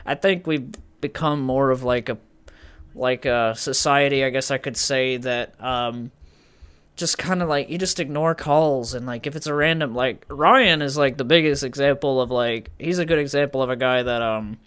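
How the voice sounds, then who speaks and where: A man's voice: mid-range voice, normal speed, fairly bright tone, smooth. A young man co-hosting a podcast, telling a story in rambling casual chat with lots of restarts. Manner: rambling, full of fillers and restarts. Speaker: podcast co-host.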